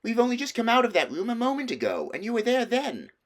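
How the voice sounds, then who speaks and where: Man voicing a sensible, dismissive schoolgirl, high-pitched. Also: wildly swooping pitch, quick pace, exaggerated voice. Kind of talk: children's storybook reading.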